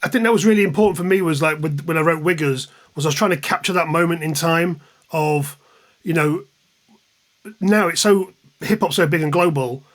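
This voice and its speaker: A music journalist and author in his fifties, from England's East Midlands, talks a little fast in a slightly high voice with an English accent. As an interview guest, he reminisces casually, chatting anecdotally and running himself down.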